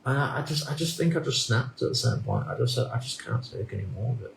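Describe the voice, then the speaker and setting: A man in his thirties from the United Kingdom, talking through a reflective personal monologue in a halting way, often repeating words and restarting sentences. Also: medium pitch, expressive, vocal fry, reverberant, a little hiss or hum, rough recording. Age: 30s. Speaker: vlogger.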